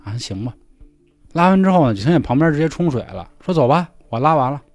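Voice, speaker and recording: A man tells a ghost story at a quick clip, slipping into hushed, half-whispered voices for the characters. The sound is dry and close, with faint music in the background. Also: a little high, very animated, dry recording. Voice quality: colloquial, acts out dialogue in hushed voices. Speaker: podcast storyteller. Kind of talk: casual ghost story telling.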